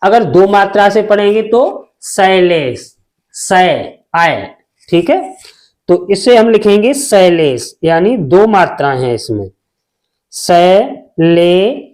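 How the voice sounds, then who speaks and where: Very animated yet taking it slowly, this man's high, slightly mellow voice leads a slow Hindi spelling lesson. He stretches and repeats syllables and poses questions only to answer them himself.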